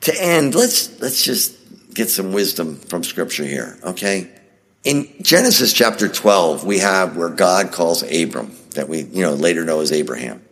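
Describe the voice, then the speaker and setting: A man's voice: sits low, very animated, normal speed, a bit bright, big-room sound. A man hosting a teaching podcast, talking conversationally, reading scripture aloud and asking rhetorical questions. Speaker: podcast host.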